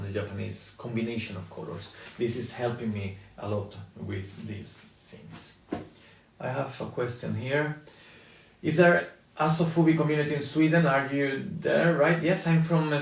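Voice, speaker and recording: Echoey, halting man. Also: lowish voice, creaky, slight background noise. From Spain. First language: Spanish. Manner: halting, many ums and restarts. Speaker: toy designer on a live stream. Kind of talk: casual live stream chat. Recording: echoey room, mic at a distance.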